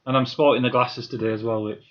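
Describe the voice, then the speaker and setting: A man's voice: mid-range voice, fairly even intonation, fast, lo-fi sound. A man chats casually on a live stream while building Lego, muttering to himself and answering viewers' comments. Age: 50s.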